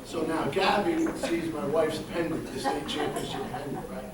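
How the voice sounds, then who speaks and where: A man's voice: fairly high pitch, normal speed, heavy background noise. A middle-aged man, a football coach, giving a heartfelt banquet speech, telling stories with casual asides. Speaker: high school football coach. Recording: echoey hall, distant mic, loud crowd. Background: audience laughing and cheering.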